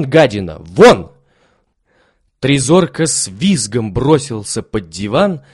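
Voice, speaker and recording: A man reading a story aloud in a calm, measured way. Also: mid-range voice, no room sound, clean studio sound. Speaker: narrator.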